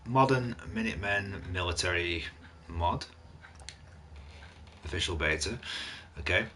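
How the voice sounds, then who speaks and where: A man with a low voice talks through a run of game mods in a casual, off-hand way, reading the descriptions out and tossing in blunt asides. His voice sounds like it is starting to wear. A faint hiss sits under the recording. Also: expressive, a little slow, sharp tone. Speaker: gaming channel host. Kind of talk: casual mod review commentary.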